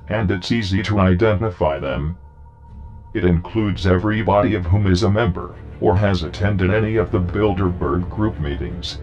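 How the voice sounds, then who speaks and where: A man speaking through a disguised, artificially deepened voice, reading a scripted anonymous message in a solemn, deliberate way. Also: darkish tone. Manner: solemn, deliberate, numbered warnings.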